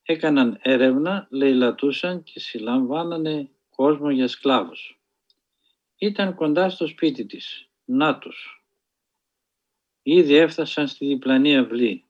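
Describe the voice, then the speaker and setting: A man delivers a sermon-style story, earnest and measured, leaning on dramatic pauses. His voice sits at a middle pitch. The recording is a little dull and lo-fi. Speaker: preacher.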